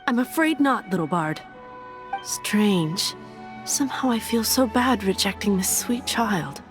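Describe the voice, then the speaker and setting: A woman's voice: mid-range voice, lively intonation, unhurried, over music, lightly acted. A woman playing a prim, devout and unyielding cathedral nun in a video game. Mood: firm. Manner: polite, formal, firm. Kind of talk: video game character dialogue.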